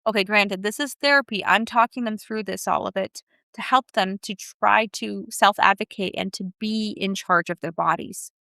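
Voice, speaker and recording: Encouraging woman feeding therapist with a smooth voice. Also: medium pitch, normal speed, hardly any pauses, dry recording. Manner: warm, encouraging, animated teaching. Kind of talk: solo advice talk to parents.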